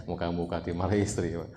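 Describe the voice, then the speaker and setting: A man with a Javanese accent preaching a sermon, lively, often questioning the listeners and jumping up in pitch. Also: slight background noise. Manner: lively, keeps asking the audience questions, sudden high jumps. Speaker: Islamic preacher. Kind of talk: sermon to a live congregation.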